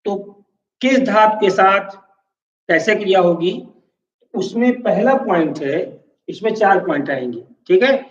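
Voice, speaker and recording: High-voiced male teacher in an echoey room. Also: lively intonation, a little slow, slight background noise. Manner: explains step by step, checking in with "है ना" and "ठीक है"; asks the class questions and answers them himself. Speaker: chemistry teacher. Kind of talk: classroom lecture. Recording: echoey room, distant mic, dull lo-fi sound.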